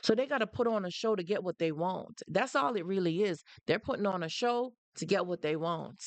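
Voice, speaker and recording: Her voice fairly low in pitch and recorded with no room sound, a Jamaican-accented woman runs a casual livestream, talking right to her viewers. She is emphatic and repetitive, pausing to say hello whenever someone joins.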